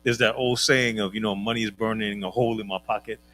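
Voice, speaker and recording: Bright-voiced man, reflective. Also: lowish voice, steady tone, fast, a little hiss or hum. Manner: reflective, explanatory, laughs easily. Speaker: panelist. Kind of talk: church panel discussion.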